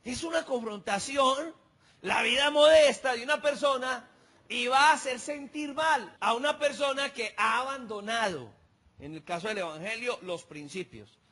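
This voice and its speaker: A male pastor, delivering a sermon in a high, bright, ringing voice. He tells stories and voices the people in them, building to emphatic peaks. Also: normal speed. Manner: storytelling preacher acting out dialogue, rising emphatic peaks.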